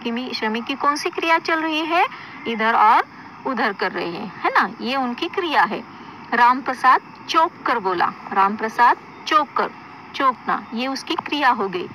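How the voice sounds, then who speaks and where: A woman teacher giving a recorded school lesson, explaining slowly, repeating words and putting questions to her pupils. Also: fairly high pitch, expressive, pushed and bright, slight background noise, low-quality recording.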